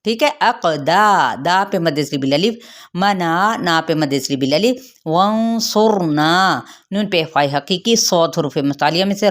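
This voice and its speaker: A woman teaching the rules of Quran recitation, chanting verses slowly and then explaining each sound, asking questions and answering them herself. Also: on the low side. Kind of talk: tajweed lesson with recitation.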